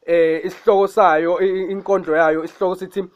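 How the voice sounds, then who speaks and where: A man's voice: high-pitched, little pitch movement, quick pace, highs cut off. A man in his twenties from South Africa, talking casually in a radio studio as a poet introducing his work. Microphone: studio condenser mic with foam cover, close.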